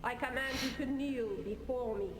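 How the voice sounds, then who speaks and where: A woman's voice: high voice, normal speed, lightly acted. A woman playing a haughty, regal ice queen in a video game, with formal, commanding delivery. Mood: imperious. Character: imperious icy queen, haughty but softening. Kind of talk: 1990s adventure game voice acting. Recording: echoey long reverb under game music.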